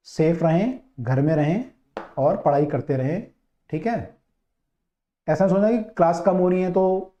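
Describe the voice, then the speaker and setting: Male physics tutor, high-ish voice, dark tone, chatty and coaxing, repeats points; roomy, muffled recording. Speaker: physics teacher. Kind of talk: online class lecture. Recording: dull, roomy online-class audio.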